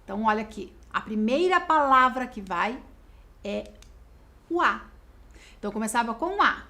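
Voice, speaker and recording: High-voiced Brazilian woman teacher. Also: expressive, sharp tone. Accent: Brazilian Portuguese. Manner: slow, clearly spelled-out explanation. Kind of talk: video lesson for schoolchildren.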